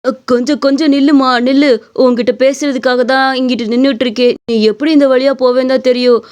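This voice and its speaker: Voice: high-pitched, flat delivery, fast talker, a little mellow, clear, resonant tone, close to an everyday voice. A voice actor playing a pushy thirty-five-year-old male shop owner in a cartoon story, coaxing and insistent. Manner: wheedling, persistent.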